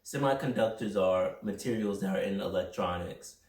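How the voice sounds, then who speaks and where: A young man hosting a podcast, talking through a personal motivational monologue in an energetic, rambling, self-reflective way. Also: low voice, normal speed. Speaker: podcast host. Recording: roomy echo, mic at a distance.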